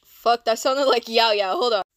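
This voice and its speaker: A woman amateur impressionist chats casually between switching impression voices. Her own voice is fairly high and recorded close and dry. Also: normal speed, fairly bright tone, dry recording.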